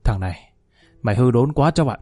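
A man voicing a stern, gruff police colonel who scolds brisk and fatherly in a story reading. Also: medium pitch, animated, mellow, dry recording, faint music behind. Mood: scolding.

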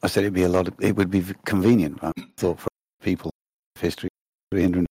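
Low raspy guy on a glitchy call, choppy cut off endings, dry sound. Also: steady tone, dark tone, no room sound. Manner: halting restarts, trailing off mid-phrase. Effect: choppy connection breaking up, cutting out words. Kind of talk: casual group chat over an online call. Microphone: online call.

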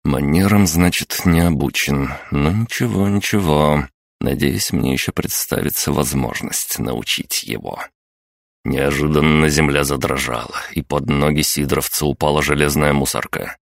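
A man narrating a fantasy audiobook in the first person, calm and measured with a wry edge. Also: very deep voice, gravelly, dry recording, studio quality.

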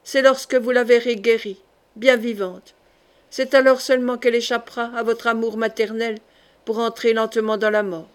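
A woman's voice: fairly high pitch, level tone, normal speed, close to an everyday voice. Woman reading a stern male sorcerer. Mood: grave. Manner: authoritative, grave.

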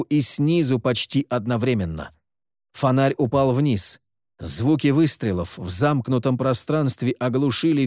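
Male audiobook narrator, lively expressive read, dry close sound. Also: medium pitch, no room sound.

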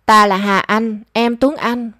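A woman's voice: on the high side, steady tone, slow, sharp tone, no echo, studio quality. A woman doing a remorseful young daughter. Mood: anxious. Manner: pleading and emotional.

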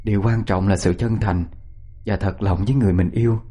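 Man reading as gentle young village girl, lilt, tender chatty manner, soft low voice, faint music behind. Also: steady tone, fairly quick, breathy edge.

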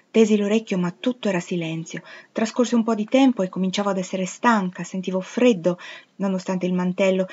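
Woman reading an old novel out loud, dramatic, goes near-whispery at the tense bits, muffled lo-fi sound. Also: mid-range voice. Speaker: audiobook reader. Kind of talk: expressive literary reading. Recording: slightly dull lo-fi recording.

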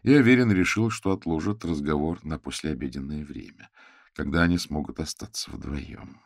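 A man reads a novel aloud in a steady, measured way. His voice is very low and gravelly, recorded close and dry. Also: no room sound. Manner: measured storytelling. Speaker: audiobook narrator. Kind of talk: scripted narration.

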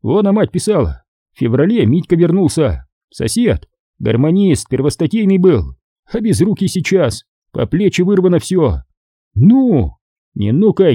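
A rowdy young village soldier, loud, indignant and coarse, as a male narrator puts him on. His voice is pitched well above the narrator's own, husky and dark, and it jumps around wildly. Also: dry recording, studio quality, full character voice.

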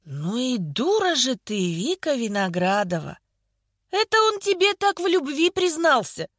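A woman voicing a sharp-tongued older woman in a hospital bed, hoarse and sarcastic, teasing without mercy. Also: high voice, big pitch swings, a little slow, dry recording, clean studio sound, exaggerated voice. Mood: mocking.

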